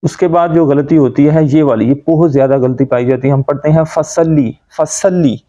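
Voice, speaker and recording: A man teaching correct Quran recitation, explaining common pronunciation mistakes and then reciting words slowly to demonstrate. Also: mid-range voice, steady tone, warm tone. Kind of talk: tajweed lesson.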